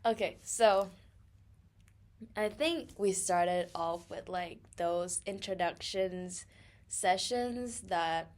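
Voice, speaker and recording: A woman's voice: on the low side, very slow. A young woman from Thailand co-hosting a casual podcast, chatty and laughing often, with many fillers. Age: young adult. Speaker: podcast co-host.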